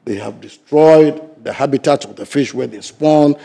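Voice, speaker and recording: At a normal speed and with vocal fry, an older man with a Ghanaian English accent pushes his argument hard as a studio guest. A fisheries sector voice, he moves back and forth between forceful stresses and low-voiced asides.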